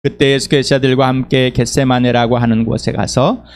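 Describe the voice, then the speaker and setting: A man preaching to a church meeting, his voice sitting at an ordinary middle pitch. He moves between scripture reading and confessional prayer, often climbing into impassioned pleading. A faint background hiss stays under the voice. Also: flat delivery, fairly quick. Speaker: pastor.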